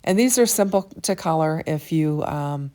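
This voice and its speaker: An older woman with a low voice narrates a papercraft tutorial. She chats in a relaxed, folksy way and fills her pauses with small "um"s as she walks through each step. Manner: chatty, folksy, with frequent fillers. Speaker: craft demonstrator. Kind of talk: casual craft tutorial narration.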